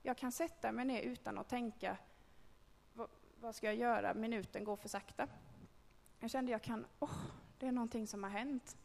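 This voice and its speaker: A woman's voice: on the high side, fairly even intonation, gravelly, a little mellow, long reverb tail. A woman giving a candid, conversational personal testimony to a group, with frequent hesitations. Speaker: speaker telling a personal faith story.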